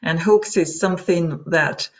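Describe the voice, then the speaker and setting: An unhurried, medium-pitched native Russian speaker with a Russian accent explains a topic in a webinar lecture for an online audience. Frequent asides interrupt the informal, hesitant phrasing, and the audio is dull and lo-fi.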